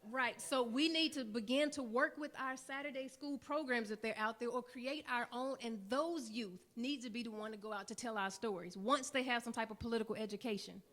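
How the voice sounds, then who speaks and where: A woman with a fairly high voice speaks on a conference panel, earnest and persuasive. She builds her points up into rousing, repeated lines, and her talk is addressed to a room full of listeners. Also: brisk, few pauses, fairly bright tone.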